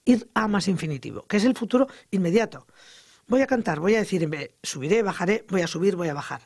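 A teacher explains verb tenses on an educational radio program, speaking at a middling pitch with lots of energy. Example sentences are acted out along the way. The recording is close and dry. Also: lively intonation, fast, a little mellow, dry recording. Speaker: grammar teacher.

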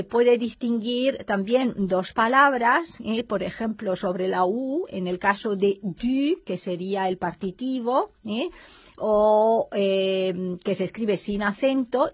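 A woman's voice: fairly high pitch, husky, no echo, highs cut off. A woman teaching French spelling and grammar in a conversational lesson. She thinks aloud, uses many fillers and keeps checking in with her listener. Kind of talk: explaining a language lesson in conversation.

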